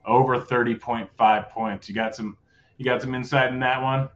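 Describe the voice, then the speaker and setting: A man's voice: mid-range voice, fairly even intonation, fairly bright tone. Casual male betting-show host, lo-fi sound. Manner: casual, joking, quick rundown of picks. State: voice going hoarse. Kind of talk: live betting show chat.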